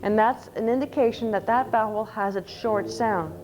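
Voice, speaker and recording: A woman's voice: on the high side, moderate pace, a little mellow, a little hiss or hum, low-quality recording. A woman presenting a conference workshop on teaching reading, explaining step by step and spelling out letters. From Canada. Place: conference session room. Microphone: microphone.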